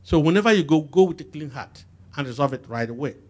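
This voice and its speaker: A man preaching with a voice that swings widely up and down and sits a little high for a man. He throws questions out to his listeners so they answer back, pressing each point with emphasis. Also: quick pace. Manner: lively, emphatic call-and-response questioning. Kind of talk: sermon.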